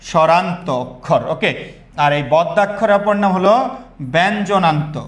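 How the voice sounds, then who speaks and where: High-voiced energetic teacher. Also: male voice, unhurried, roomy sound. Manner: energetic, quizzes students with repeated questions. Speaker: admission test teacher. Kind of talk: live online class.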